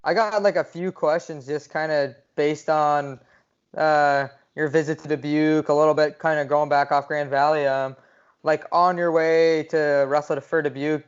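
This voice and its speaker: Flat-voiced man hosting interview. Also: a little high, moderate pace, clear, resonant tone, muffled recording. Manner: hesitant, frequent "kinda" and "um". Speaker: podcast host. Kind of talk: interview questions.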